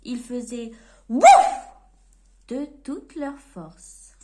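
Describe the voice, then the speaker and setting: A woman reading a storybook aloud to children in an expressive, playful way. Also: high voice, slow pace, heavy background noise.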